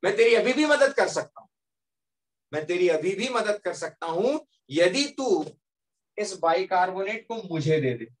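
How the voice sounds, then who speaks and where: A man's voice: sits high, big pitch swings, a little slow. A male teacher voicing blood plasma as a helpful character who bargains in a classroom story. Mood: reassuring. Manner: reassuring, then firm and haggling.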